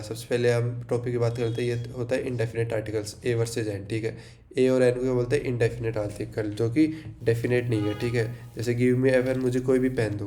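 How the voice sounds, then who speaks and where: A man's voice: medium pitch, mellow. A young Indian man giving an exam revision lecture, mixing in English and often asking and then answering his own questions. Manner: checks in with frequent "theek hai", asks and answers own questions. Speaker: teacher.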